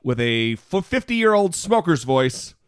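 A man's voice: on the high side, big pitch swings, a little slow, clear, resonant tone, no room sound, studio quality. A man hosting a podcast with casual comedic talk and brash, teasing delivery. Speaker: podcast host.

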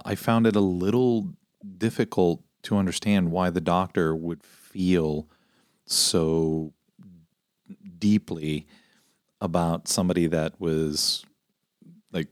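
A man's voice: low-pitched, no room sound, studio quality. A man hosting a casual podcast discussion, earnest and hesitant, often restarting his sentences. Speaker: podcast host.

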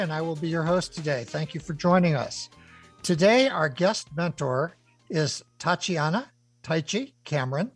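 A man's voice: a little high, slightly rough, no room sound. A man hosting a radio show, formally reading a guest introduction. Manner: formal, reads from a script. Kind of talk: scripted introduction and interview.

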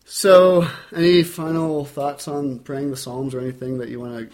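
A man interviewing a pastor, speaking casually with frequent affirmations and quick questions. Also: on the high side, little pitch movement, a little mellow. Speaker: podcast interviewer. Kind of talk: interview conversation.

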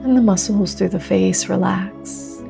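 Creaky-voiced woman guiding a slow meditation. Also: mid-range voice. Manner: gentle, unhurried instruction with long pauses. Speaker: meditation teacher leading a group practice. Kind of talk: guided meditation, slow soothing narration. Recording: new-age music under the voice. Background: soft new-age music.

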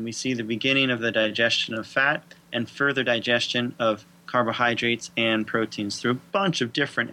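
Man, co-host, bright clear tone, casual step-by-step explanation, light humor. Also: mid-range voice. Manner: walks through material step by step, lightly joking.

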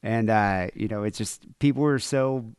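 Male podcast host, smooth clear voice, dry close mic, easygoing and rambling. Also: lowish voice, normal speed, a little mellow, dry recording. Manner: laid-back, rambling with fillers. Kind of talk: casual podcast chat.

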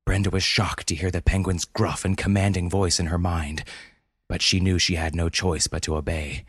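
A man reading a scripted fantasy story aloud in a dramatic, measured way. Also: sits low, little pitch movement, fairly bright tone, slightly rough, no room sound, clean studio sound.

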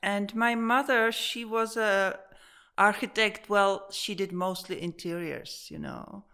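A woman's voice: mid-range voice, fairly even intonation, slow, a bit bright, clean tone. A woman painter from the Czech Republic, a native Czech speaker, talking in English in a casual interview in her studio, hesitant, with frequent restarts and small laughs.

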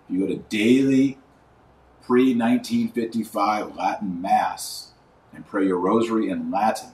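A man hosts a religious podcast, delivering earnest, emphatic, preachy commentary and repeating phrases for rhetorical effect. His voice is on the low side, unhurried and darkish, but it's picked up from a distance by the wrong microphone in an echoey room with faint noise.

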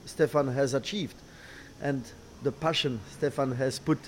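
A middle-aged man, not a native English speaker, answering interview questions haltingly, searching for words and repeating phrases. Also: mid-range voice, fairly even intonation. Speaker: racing team boss, former driver. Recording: clear background noise, ambient sound.

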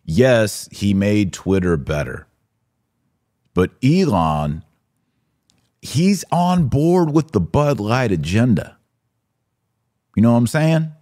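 A podcast host with a deep, darkish voice delivers opinionated live commentary emphatically. He throws in rhetorical questions and asides to his listeners.

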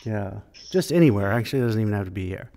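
A man chatting casually and a little haltingly as a church podcast host, recorded with cathedral echo in an empty sanctuary. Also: fairly low pitch, lively intonation, vocal fry, mellow. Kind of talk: casual chat.

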